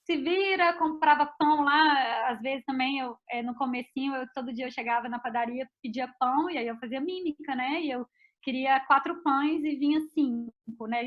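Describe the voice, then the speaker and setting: A woman's voice: high voice, a bit bright. A Brazilian woman scientist giving a casual online talk, chatty, tagging her sentences with little questions. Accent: Brazilian Portuguese. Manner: chatty, frequent "tá?" and "né?" tags. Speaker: invited scientist speaker. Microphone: video call. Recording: dull lo-fi video call audio.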